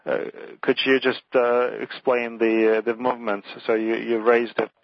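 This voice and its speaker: A man's voice: medium pitch, little pitch movement, moderate pace, a little hiss or hum. A man calling in over a phone line that breaks up, asking an analyst's question on an earnings call in a hesitant way, full of fillers and restarts. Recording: dull, dry phone line.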